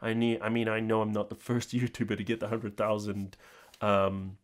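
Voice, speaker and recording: Speaking at normal speed with a fairly low pitch and flat delivery, a middle-aged man from New Zealand rambles casually to his viewers as host of his channel.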